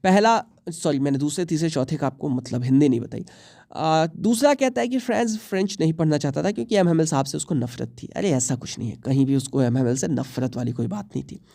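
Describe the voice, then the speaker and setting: Male tutor, young, Indian accent, mellow tone, dry close recording, for an exam lesson. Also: on the high side, brisk, creaky, dry recording. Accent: Indian English. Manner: explains each option, mixing English terms into Hindi. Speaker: English teacher.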